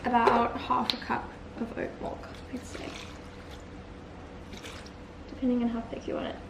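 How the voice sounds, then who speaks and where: A young vlogger, croaky from just waking up, chats casually and upbeat to camera for a day-in-the-life video, with lots of fillers. Her voice is fairly high, monotone and a little slow. The recording is echoey, with background noise clearly audible.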